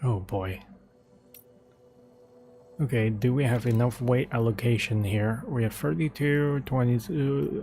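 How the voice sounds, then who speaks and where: A man's voice: mid-range voice, a little mellow. A man streaming a video game, talking himself through his choices in a casual, thinking-aloud commentary.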